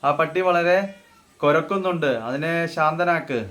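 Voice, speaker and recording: A man teaching everyday phrases, saying each example slowly and then explaining it. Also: a little high, fairly even intonation, a bit bright. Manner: slow, deliberate model phrases, then explained in Malayalam. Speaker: Hindi teacher. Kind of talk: casual spoken-Hindi lesson.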